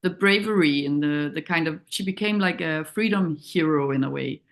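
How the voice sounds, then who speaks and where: A woman from Denmark, interviewed as a documentary director, speaks in a low voice at normal speed with a Danish accent. She sounds hesitant and reflective, frequently groping for words.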